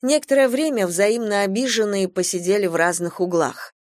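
A woman calmly narrating a storybook in first person. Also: medium pitch, fairly quick, dry recording, studio quality.

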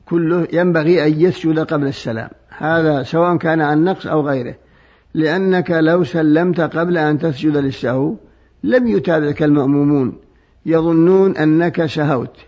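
High-voiced male scholar explaining in Arabic. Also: moderate pace, darkish tone. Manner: didactic, explaining step by step with examples. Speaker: religious scholar answering listeners' questions. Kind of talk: religious ruling in formal Arabic with colloquial touches. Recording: muffled, dull old radio recording.

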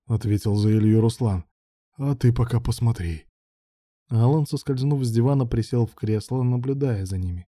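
Male audiobook narrator, low and dark-toned, dry close recording. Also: no echo. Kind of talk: scripted narration.

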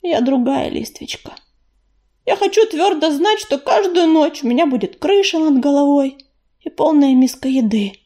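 A woman voicing a gentle, homebound female house cat in an audiobook, speaking softly and earnestly. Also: sits high, lively intonation, moderate pace.

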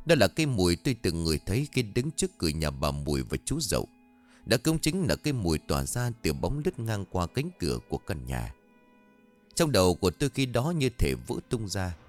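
Deep-voiced man narrating a horror story. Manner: first-person storytelling that raises its voice for shouted quotes.

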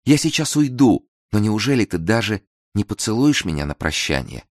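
A man's voice: fairly low pitch, big pitch swings, moderate pace, dry recording, studio quality, voice pushed up. A man voicing a ragged, grieving mother who pleads tearfully with her son in a storybook tale. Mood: pleading.

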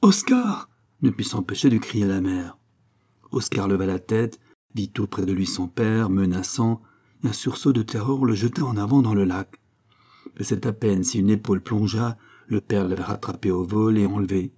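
Male narrator for a short story, low and husky, measured dramatic delivery. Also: fairly even intonation, dark tone.

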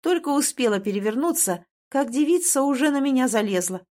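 A woman's voice: sits high, animated, fairly quick, darkish tone. Woman narrating a wry audiobook. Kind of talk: first-person audiobook narration.

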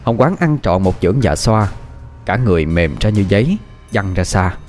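A man reads a martial fantasy tale aloud with dramatic expression. His voice sits low but moves lively in pitch, and faint music plays beneath the narration. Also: moderate pace. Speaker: audiobook narrator. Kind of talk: scripted story narration. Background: faint background music.

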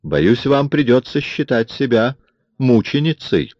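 A man voicing a cold, mocking man in an audiobook, with a smooth, coolly taunting manner. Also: medium pitch, very animated, measured pace, no echo, muffled recording, pitched above the performer's own voice. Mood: menacing. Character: cold, mocking man forcing himself on a woman. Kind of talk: audiobook character reading.

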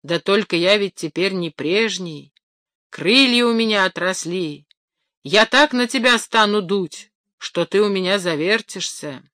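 A woman's voice: mid-range voice, lively intonation, a little slow, fairly bright tone, dry recording, clean studio sound. A woman voicing a grudging, teasing male wind spirit in a storybook reading. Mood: mocking.

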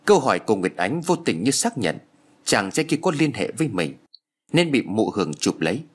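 Husky, lively male storyteller. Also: lowish voice, a little fast. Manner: expressive storytelling, voices the characters. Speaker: narrator. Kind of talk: dramatic audiobook narration.

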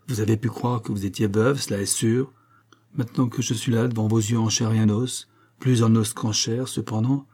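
A man's voice: medium pitch, mellow, slightly rough, natural voice. Man reading a hard, cynical returned husband. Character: bitter middle-aged husband returned from the dead. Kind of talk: audiobook character reading.

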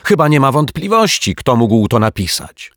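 An excitable young boy, bold and eager, calling out in a high, loud voice, as a male storybook narrator puts him on. He sounds keen and impatient, in a dry, close recording. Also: a little slow, dry recording. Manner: shouting eagerly.

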